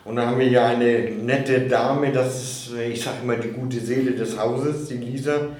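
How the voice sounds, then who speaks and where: A man's voice: mid-range voice, fairly even intonation, moderate pace, darkish tone. A man, a resident talking plainly in a group conversation. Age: 50s. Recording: echoey room with faint ambience.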